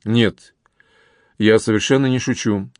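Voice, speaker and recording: Man doing serious young officer, calm and steady, low voice, dry sound. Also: moderate pace, no echo, close to an everyday voice.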